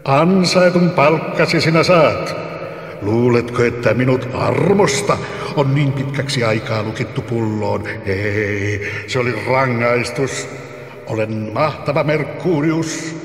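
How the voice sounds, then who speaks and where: A man voicing a huge, scheming male spirit trapped in a bottle, calling out in slow, drawn-out phrases in a storybook reading. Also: roomy sound, big-room sound, natural voice. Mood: menacing. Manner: slow, drawn-out, booming calls.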